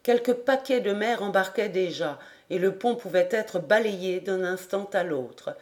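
A woman reading a classic adventure novel aloud, steady and expressive as she carries a storm scene. Her voice sits at an ordinary middle pitch, recorded close on a home microphone. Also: a little slow. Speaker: audiobook narrator.

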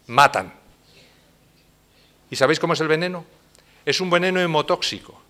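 A male pastor with a Spain Spanish accent preaches with theatrical force, dropping to near hush and then rising to loud, pressing outbursts. His voice sits a little high and rings bright and forceful. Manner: dramatic, swings between hushed and loud. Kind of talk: sermon.

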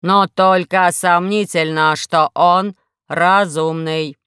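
Gloomy robot safe for a storybook, woman reads it, slow, loud, grumbling, close and dry. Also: on the low side, fairly even intonation, smooth, dry recording.

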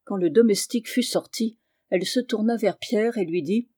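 A reader narrates a story in a steady, measured way. The voice is mellow and warm, recorded dry and close. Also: medium pitch, dry recording. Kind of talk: audiobook narration.

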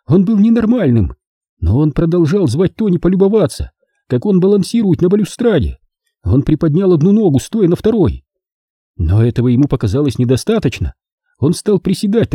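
A man doing a husky guilt-ridden woman. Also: high voice, no echo, studio quality, pitched above the performer's own voice, full character voice. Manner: tense, hushed confession. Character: guilt-ridden older woman confessing to a killing.

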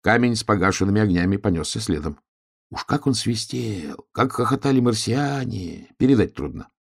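A man narrating a children's storybook with expressive, lively storytelling. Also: on the low side, moderate pace, gravelly. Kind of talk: storybook reading.

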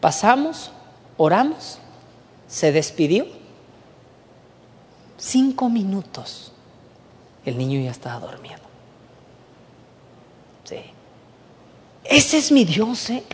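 Slow, lively Mexican preacher man. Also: high-pitched, slightly rough. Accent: Mexican Spanish. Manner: soft, hushed storytelling that rises to emphatic preaching. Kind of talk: sermon with personal testimony. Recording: long hall reverb.

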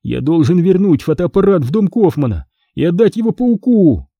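A man's voice: high-pitched, big pitch swings, normal speed, dark tone, breathy edge, no room sound, pitched above the performer's own voice, full character voice. A man voicing an anxious boy of about twelve in an audiobook, speaking with urgent pleading in his voice. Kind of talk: audiobook character reading.

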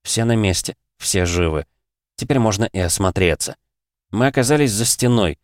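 A man with a low voice reading a first-person story in an even, measured way. The sound is close and dry, with no room echo. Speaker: audiobook reader. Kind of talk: scripted first-person narration.

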